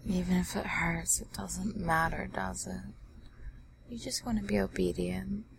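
A young adult woman giving teasing orders in a breathy ASMR role-play, close to the microphone. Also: steady tone, a little slow, noisy background. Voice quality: breathy soft voice mixed with low soft voice.

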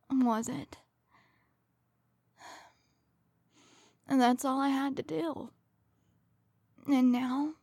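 A woman playing a coldly tender serial killer in a soft, breathy ASMR role-play, slowly soothing her victim as if comforting someone in her lap. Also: sits high, no room sound, exaggerated voice. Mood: sinister soothing.

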